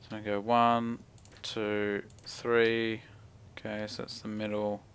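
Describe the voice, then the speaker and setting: A man's voice: on the low side, completely flat delivery, slow pace, fairly bright tone, smooth. A young man with a broad New Zealand accent, thinking aloud casually as he commentates on his gameplay, laid-back and slangy with mumbled asides. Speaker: gaming video creator. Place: indoor room at home.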